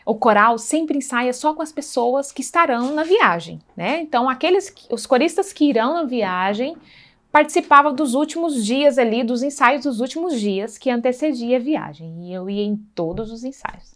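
Speaking at a moderate pace, a woman with a high voice and lively intonation tells her faith testimony. Her manner is earnest and conversational; she performs dialogue and keeps asking her listeners tag questions.

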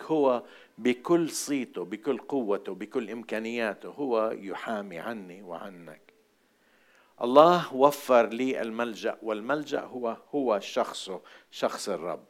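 Dynamic Jordanian preacher, deep voice. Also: male voice. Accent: Jordanian Arabic. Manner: dynamic preaching, swings from hushed asides to loud emphatic declarations. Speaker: pastor. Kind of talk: sermon.

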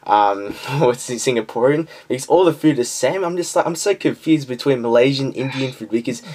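A man's voice: medium pitch, brisk, a little mellow. A man interviewing a guest in a casual chat, talkative and often tripping over his words. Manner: chatty, stumbling, laughs between questions.

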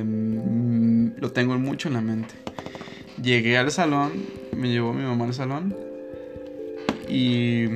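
A young man with a Mexican accent telling a personal childhood story in a casual, rambling way, correcting himself and laughing often. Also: mid-range voice. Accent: Mexican Spanish. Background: guitar music.

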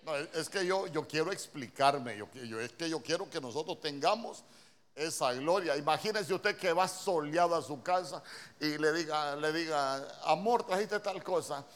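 Male preacher, Honduran accent, fairly high voice. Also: moderate pace, a bit bright. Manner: conversational, asks the congregation questions. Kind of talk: sermon. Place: church.

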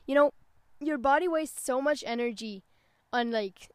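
A woman's voice: sits high, a little slow, clean tone, no room sound. Young woman, casual podcast chat, rambling, lots of fillers, dry close sound. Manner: rambling, lots of "like", self-correcting. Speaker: podcast co-host.

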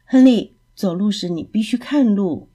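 A woman voicing a patient, kindly male cat who explains things gently in a storybook. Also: medium pitch, animated, unhurried, breathy edge.

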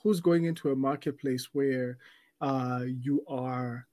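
A man's voice: medium pitch, fairly even intonation, slow, dark tone, no room sound. A man co-hosting a casual podcast, explaining dating advice with business analogies, often restarting words.

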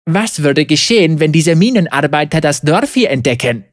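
A woman's voice: low voice, expressive, moderate pace, no room sound, studio quality. A woman doing a proud, scornful young sorceress. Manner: scornful, assertive.

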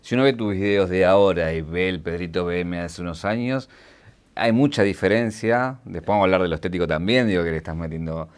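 Argentine male interviewer, very deep voice, conversational and probing. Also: a little fast, clean tone. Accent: Argentine Spanish. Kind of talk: interview questions and scripted intro.

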